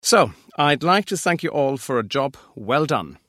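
A man's voice: mid-range voice, very animated, a little slow, a bit bright, no echo, studio quality. A man playing a composed, appreciative airline captain addressing the crew in an orderly, scripted lesson dialogue.

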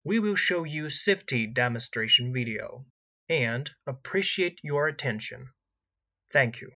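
A man's voice: medium pitch, lively intonation, bright, forceful tone, dull audio, slight background noise. Formal male airline cabin announcer. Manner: formal, measured template reading with gaps for details. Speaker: in-flight announcer.

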